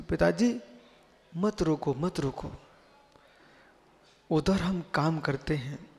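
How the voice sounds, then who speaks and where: High-voiced middle-aged male preacher in a reverberant hall. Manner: emphatic, swings between soft asides and loud high bursts; addresses listeners directly, questions them. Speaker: Jain monk preacher. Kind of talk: live sermon. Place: large hall before a seated assembly. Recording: long reverb of a large hall.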